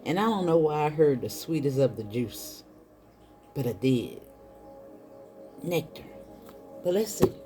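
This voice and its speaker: A woman's voice: sits low, animated, a little slow, long pauses. Chatty woman reading tarot over music. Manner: chatty, addresses viewers as y'all. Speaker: tarot reader. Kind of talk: casual spiritual card reading. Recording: soft music in the background.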